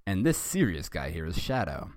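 A man's voice: low-pitched, sing-song, moderate pace, no echo, clean studio sound. A man voicing a brash, friendly young hedgehog hero in a story reading, breezy and confident.

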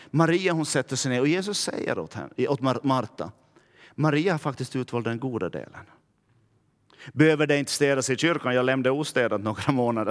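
A man's voice: a little high, in a large hall. A man from Närpes with a Finland-Swedish accent, a pastor giving a conversational sermon and often asking his listeners "va?". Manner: conversational preaching, often asks "va?". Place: church.

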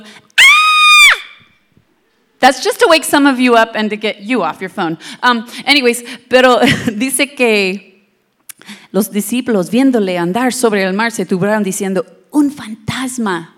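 A young woman preaching a sermon, moving between Spanish and English, joking and laughing, now shouting, now hushed. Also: medium pitch. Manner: expressive, shouts and drops to hushed tones for emphasis. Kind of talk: bilingual sermon.

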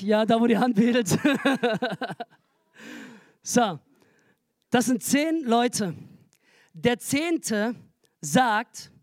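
A man's voice: very high-pitched, dry recording, clean studio sound. A man pastor giving a humorous, chatty sermon from a church stage, speaking into a handheld mic. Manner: humorous, chatty, laughs at own jokes.

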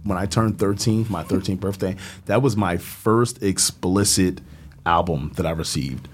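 A man's voice: unhurried, breathy edge. Laid-back male rapper guest. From United States. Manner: laid-back storytelling, drops voice low. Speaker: guest hip hop artist. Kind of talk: casual interview chat.

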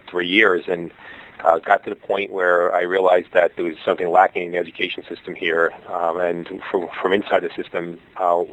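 A middle-aged charter school founder from Brooklyn, New York, with a Brooklyn accent, answers interview questions as a guest. He rambles, with many fillers and restarts, in a low, fairly bright voice captured with lo-fi sound.

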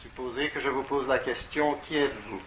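This is a male interpreter rendering a spiritual talk into French, speaking a bit fast in a mid-range, fairly bright voice. He is hesitant, repeats himself and leans heavily on fillers. The audio quality is rough.

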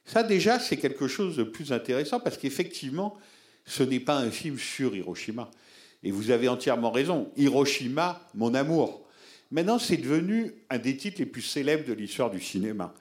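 A man's voice: medium pitch, animated, moderate pace. A man giving a public talk on film, answering audience members in an explanatory, emphatic way and addressing listeners directly.

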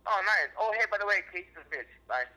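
Bright-voiced man calling in on speakerphone. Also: high-pitched, animated, fast, rough recording. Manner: teasing, joking. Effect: heard over a phone on speakerphone. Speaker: caller. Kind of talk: casual chat.

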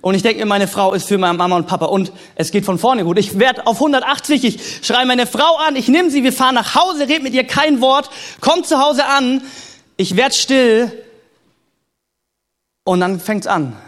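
A male pastor preaching a sermon in a lively, conversational way, often checking in with the congregation. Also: extremely high pitch, normal speed. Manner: lively, conversational, keeps asking "ja?" and "okay?". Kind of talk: sermon with personal storytelling.

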